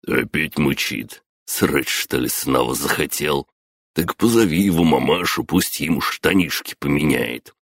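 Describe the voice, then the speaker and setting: A brutish young bully in an audiobook, sneering and crude, his taunts loud and rough, as a male narrator voices him. The voice sits a little above the reader's own, with a gravelly, husky edge, and it is recorded close and dry. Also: extremely low pitch, expressive, measured pace, no room sound, full character voice.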